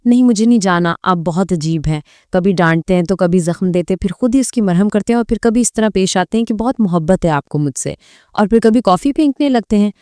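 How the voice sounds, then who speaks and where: A woman's voice: medium pitch, lively intonation, a little mellow, dry recording, studio quality, lightly acted. A woman voicing a naive young heroine in a romance audiobook who pouts and complains like a child. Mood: tearful.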